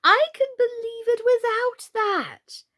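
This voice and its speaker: Storybook old queen: scatty, excitable, wailing, very high, slow and drawn out. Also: heavily acted. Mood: bossy, pitying. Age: older. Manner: wailing, exclamatory, squeaky when excited.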